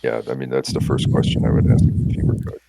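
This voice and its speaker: A man's voice: extremely low pitch, little pitch movement, quick pace, gravelly, heavy background noise. A man playing a tabletop game, wry and blunt in casual chat. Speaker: player.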